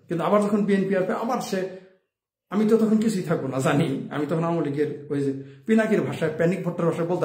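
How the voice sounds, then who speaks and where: A man's voice: fairly high pitch, a little mellow. A man delivering an opinionated commentary monologue, firing off rhetorical questions. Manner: rhetorical questions, chuckles at own points. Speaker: political commentator. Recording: roomy, echoey room sound.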